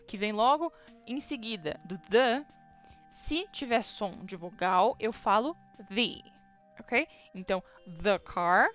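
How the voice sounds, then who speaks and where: A young woman, a native Portuguese speaker, teaching English in a casual video lesson, reading example sentences slowly and often checking in with "ok?". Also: on the high side, fairly bright tone, muffled recording.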